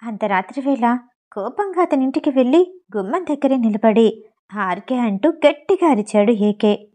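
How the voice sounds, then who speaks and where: A woman narrating a novel aloud in a steady storytelling delivery. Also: on the high side, normal speed. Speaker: audiobook narrator.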